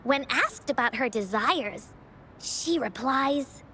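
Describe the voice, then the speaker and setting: Heavily acted and high, with a sharp tone, a woman's voice portrays a cheerful little girl who theatrically tells adventure tales as video game storybook narration. She speaks slowly and animatedly, with a little hiss or hum in the background.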